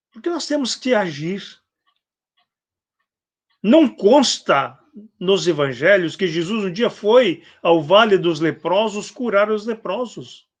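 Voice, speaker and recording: A man with a Brazilian Portuguese accent giving a reflective spiritist sermon, acting out gospel quotes and clearing his throat often. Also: high-pitched. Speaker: spiritist speaker. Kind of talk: spiritist sermon on a live stream.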